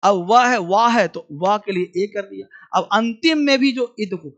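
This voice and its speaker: A man's voice: sits high, animated, moderate pace, a bit bright, muffled recording. A man teaching English spelling in a demo class, drilling sounds by repeating words and quizzing his students, calling them child. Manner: addresses students fondly as child.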